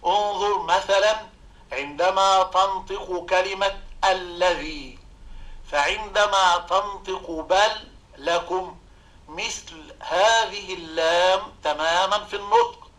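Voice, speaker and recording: Male recitation scholar: bright tone, unhurried explaining with chanted examples. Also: sits high, poor audio. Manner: measured, demonstrates chanted recitation.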